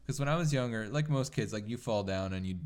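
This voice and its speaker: A man chatting casually as a podcast co-host, telling rambling, animated stories peppered with swearing. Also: fairly low pitch, quick pace, clean tone. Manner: swears freely. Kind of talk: casual chat and storytelling.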